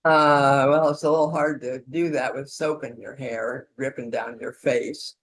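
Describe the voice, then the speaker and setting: Her voice sits extremely low, with fairly even intonation and a measured pace. She leads an instructional session informally and conversationally, acting out peer-support calls as demonstrations.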